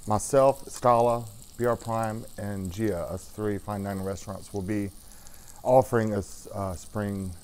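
A middle-aged man, an executive chef, talking through a dish while cooking at a studio stove, casual and halting with lots of ums. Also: on the low side, steady tone, a little mellow, clean tone. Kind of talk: cooking demo interview.

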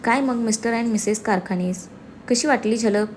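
A smug, scheming young villain, as a woman narrator voices him, gloating and taunting. The voice stays fairly high. A faint hiss sits behind. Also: normal speed, lightly acted.

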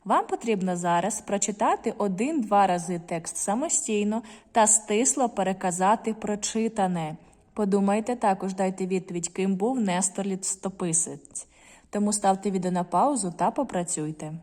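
A woman teacher giving a recorded reading lesson to children, reading words slowly and carefully with clear stress. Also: medium pitch, darkish tone, big-room sound. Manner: slow careful word-by-word reading, stressing syllables.

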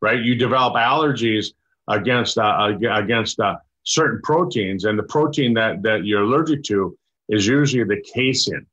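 An older man, a doctor, explaining a product in casual chat over a video call, halting with many restarts and fillers. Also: lowish voice, a bit bright, slightly rough. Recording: dull lo-fi video call audio.

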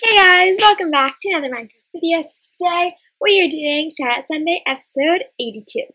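Woman, high voice, bright tone, casual Minecraft host, giggly, hesitant. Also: a little fast. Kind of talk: casual gameplay chat and video outro.

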